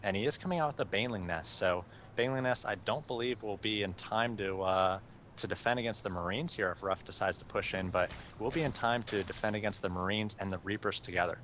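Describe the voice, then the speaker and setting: A man casting a live strategy game match, relaxed and easygoing, chuckling now and then and filling pauses with "uh" as he works through his thoughts. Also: lowish voice, slight background noise. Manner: relaxed, chuckling, thinks aloud with many fillers. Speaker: esports caster.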